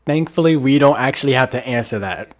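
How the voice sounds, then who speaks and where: A man's voice: mid-range voice, animated, fairly quick. A young man casually commentating a video game with rambling, chuckling asides. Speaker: let's play host.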